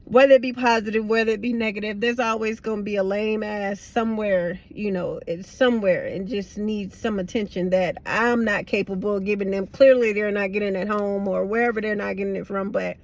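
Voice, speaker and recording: A woman's voice: medium pitch, fairly even intonation, brisk, hardly any pauses, darkish tone. A middle-aged woman with a slight lisp from wearing retainers, tired and chatting candidly in a rambling, blunt, slangy way. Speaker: vlogger. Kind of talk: casual, candid chat to viewers. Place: inside a parked car.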